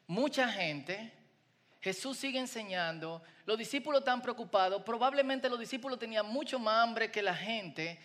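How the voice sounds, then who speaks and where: A man's voice: very high voice, normal speed, a bit bright, long reverb tail. A man preaching a sermon in a conversational way, asking the congregation questions.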